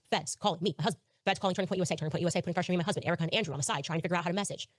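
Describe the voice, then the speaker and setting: Rapid, insistent woman. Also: on the low side, no room sound. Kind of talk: heated commentary.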